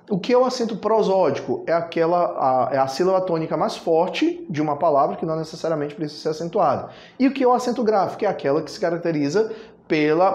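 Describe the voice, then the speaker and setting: A man's voice: high-pitched, a little mellow, reverberant. A Brazilian man teaching a grammar lesson, affectionately calling his students "my loves" and drawing out filler sounds. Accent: Brazilian Portuguese.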